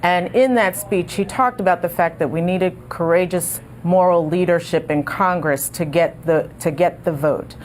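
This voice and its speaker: A woman with a very low voice answers a news anchor over a remote link. She speaks earnestly and in measured phrases. A faint hum sits in the background. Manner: earnest, measured, with some fillers. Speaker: civil rights advocate guest. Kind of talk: interview answer. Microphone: remote studio link.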